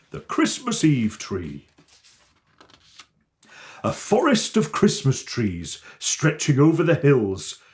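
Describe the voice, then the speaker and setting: Reading a children's storybook in the role of Father Christmas, a man uses a fairly high voice. His phrasing is theatrical, deliberate and expressive.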